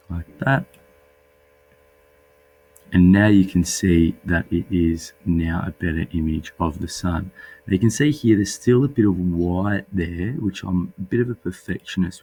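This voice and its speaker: Aussie teacher guy, husky w a cold, deep voice, walking thru a coding tutorial, slight hum behind. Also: darkish tone. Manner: step-by-step, patient explaining. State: sick with a cold. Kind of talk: screen-recorded coding tutorial.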